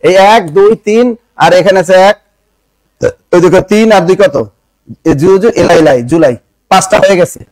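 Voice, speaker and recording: High-voiced male teacher drilling a class. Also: moderate pace, long pauses, darkish tone, dry recording, low-quality recording. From Bangladesh. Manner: drills the class with repeated questions, spells words out syllable by syllable. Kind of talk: classroom exam-prep lesson.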